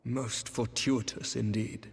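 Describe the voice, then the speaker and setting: Husky, courtly knight commander in a hall. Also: male voice, mid-range voice, fairly even intonation, full character voice. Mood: courteous, wry. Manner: measured, courtly, formal. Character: courteous noble knight commander, subtly wry. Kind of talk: formal fantasy game cutscene acting. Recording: long reverberant hall.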